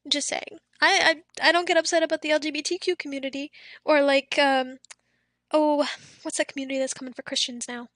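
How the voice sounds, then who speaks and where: With a fairly quick, fairly even delivery, a young female streamer chats with viewers and reads their comments, her high, bright voice occasionally slipping into breathy whispers. Her throat sounds slightly off, as if her voice has been fading for days. It's a close, dry recording with no room sound.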